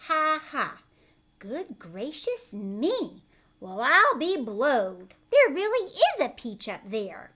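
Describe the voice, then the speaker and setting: A woman voicing a greedy, scornful, bossy older aunt in a children's story, loud and disbelieving. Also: sits high, huge pitch swings, takes it slowly, pitched above the performer's own voice, exaggerated voice.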